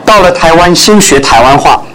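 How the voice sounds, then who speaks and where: Older male pastor, higher-pitched, animated storyteller, sermon delivered in pieces for an interpreter. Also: normal speed, slight background noise, low-quality recording. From born in Guangdong, raised in Shanghai, later Taiwan. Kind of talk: sermon with personal anecdotes, pausing for an interpreter.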